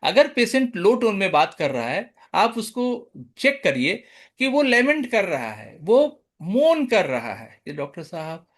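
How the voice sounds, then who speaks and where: A man's voice: high-pitched, unhurried. A man giving an online lecture, mixing in English terms and acting out how patients talk. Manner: mixes English terms into explanation; lively, acts out patient speech. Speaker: homeopathy lecturer.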